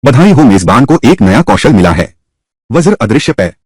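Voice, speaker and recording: Husky guy doing drama dub lines, voice swings up and down a lot, dry studio sound. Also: medium pitch, very animated, normal speed, darkish tone, no room sound. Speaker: dub voice actor. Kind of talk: Hindi dub of a short drama.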